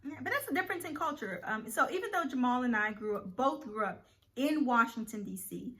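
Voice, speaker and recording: Woman from Guyana, bright voice, fairly high pitch, explanatory, casual couples chat. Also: animated, brisk. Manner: steering, explanatory, keeps the talk on track. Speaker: co-host.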